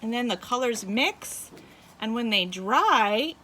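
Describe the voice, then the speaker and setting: A woman with a fairly high voice speaks like a kids show host. She addresses small children in a sing-song, encouraging teacher's manner as she demonstrates simple activities step by step. It is a homemade recording with some background noise. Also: animated, slow pace, bright, forceful tone. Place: inside a home.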